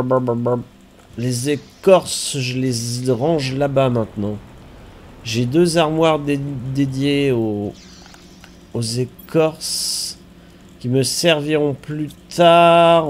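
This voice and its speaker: Slow, congested man streaming a game. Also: mid-range voice. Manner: relaxed, chatty, thinks aloud and repeats words. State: slightly congested, stuffy nose. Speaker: streamer playing a survival game. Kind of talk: casual live-stream commentary.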